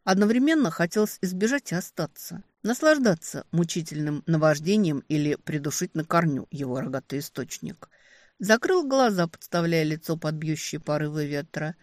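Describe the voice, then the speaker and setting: A woman narrating a first-person romantic fantasy audiobook, expressive and lively on the heroine's lines. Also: low voice, moderate pace, no room sound.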